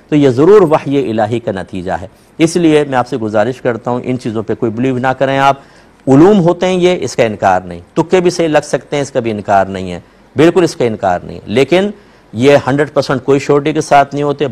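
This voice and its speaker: A male Islamic scholar with a sore throat earnestly explains religious rulings in answer to questions during a religious Q&A talk. His voice is mid-range and darkish, and it jumps up whenever he quotes people.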